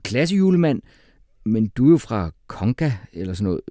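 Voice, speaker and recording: A man voicing an exasperated male schoolteacher who shouts and gets flustered. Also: mid-range voice, very animated, no room sound, studio quality, voice pushed up, natural voice.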